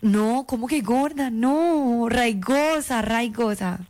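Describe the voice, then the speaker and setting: A woman from Antioquia, Colombia, with a paisa accent calls a man on a landline and coyly, insistently makes him guess who she is, keeping her identity a mystery in a teasing call. Her fairly high, darkish voice takes things slowly.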